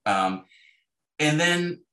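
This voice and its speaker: Drawing out his words with a sharp tone, a man interviewed as a guest author performs imagined dialogue while telling stories. He's a little high-pitched and animated, and the recording has an echoey, roomy quality.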